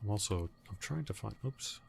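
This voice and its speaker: A man's voice: lowish voice, lively intonation, moderate pace, vocal fry, husky. A man hosting a gaming livestream, chatting casually and thinking aloud in an easygoing way as he answers viewers. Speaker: livestream host playing a game.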